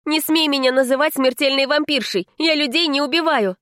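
A woman doing a sharp-tongued young vampire girl. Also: high voice, expressive, fairly quick, no room sound, studio quality, pitched above the performer's own voice. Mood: scolding. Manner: sharp, scolding, indignant. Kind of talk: audiobook character reading.

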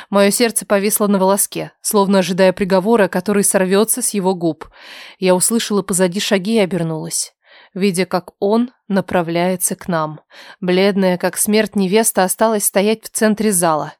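A woman narrates a first-person story with a tense, emotional reading, often dropping her voice low and soft. Her pitch sits in a middle range, and the recording is dry and close with no room sound. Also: normal speed, no echo. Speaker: audiobook narrator.

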